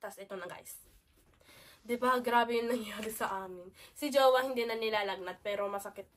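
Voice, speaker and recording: Chatty woman vlogger, sick with a cold and cough, fairly high voice, sits back from the mic. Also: normal speed, a bit bright, recorded from a distance. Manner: chatty, keeps calling out to viewers. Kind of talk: casual chat to camera.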